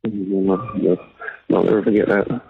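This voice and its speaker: A low, gravelly man's voice comes through a payphone call, thin and tinny like a phone line with a faint hiss underneath. He talks in halting, reassuring bits, often restarting his words. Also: little pitch movement. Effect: heard over a jail payphone call line. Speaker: family member on a call with a jailed relative.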